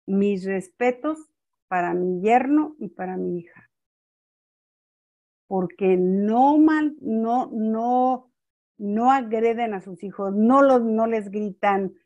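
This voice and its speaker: A woman's voice: mid-range voice, takes it slowly, long pauses, mellow, muffled recording. An older woman teaching a family class, telling stories unhurriedly and often repeating words as she checks in with her listeners. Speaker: family-school speaker. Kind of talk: teaching talk with personal stories.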